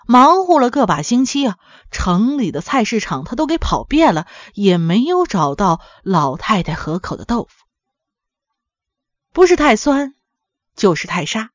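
Expressive woman storyteller, lively pitch. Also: no room sound, muffled recording. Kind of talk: storybook narration.

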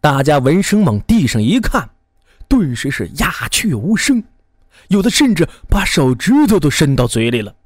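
A man telling a folk tale in a lively, expressive way, acting out many characters. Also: a little high, moderate pace, no echo, studio quality. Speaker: storyteller. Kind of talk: animated folk storytelling.

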